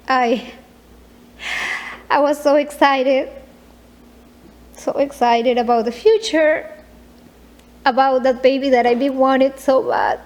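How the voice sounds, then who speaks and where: A woman in her thirties speaking to camera in a confessional vlog. Her voice sits a little high, and she talks softly and haltingly, stopping often to restart her sentences. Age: 30s. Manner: soft, hesitant, with frequent fillers and repeats. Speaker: vlogger.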